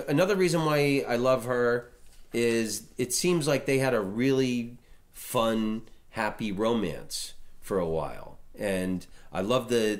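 A middle-aged man hosting a podcast, chatting casually about art history with many restarts and fillers. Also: medium pitch. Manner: rambling, frequent restarts and fillers. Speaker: podcast host.

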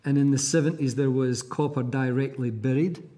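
Guy asking questions at a senate hearing, mellow voice, lots of uh and restarts. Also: medium pitch, fairly even intonation. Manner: halting, with restarts and fillers.

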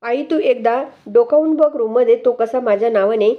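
A woman's voice: a little high, normal speed, narrow, tinny audio, close to an everyday voice. A woman reading a bossy young wife. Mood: complaining. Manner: stern, commanding, read out plainly. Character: bossy young wife, scolding her husband.

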